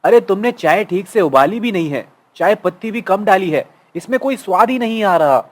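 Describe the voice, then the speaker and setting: A woman voicing a young husband in a cartoon story, in a lowered quiet voice, mildly complaining. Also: expressive, normal speed, natural voice. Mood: mild complaint. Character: young husband, mild and slightly annoyed.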